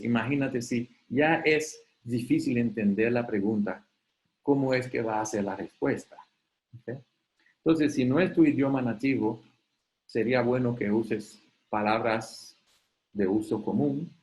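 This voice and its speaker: A man giving a webinar over a video call at a middle pitch. He talks to his audience in a loose, chatty way and keeps checking in with a quick "ok?". Now and then he jumps up in pitch to act out someone asking a question. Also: darkish tone, low-quality recording. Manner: conversational, often tags sentences with "¿ok?". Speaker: webinar facilitator. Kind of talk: live online talk.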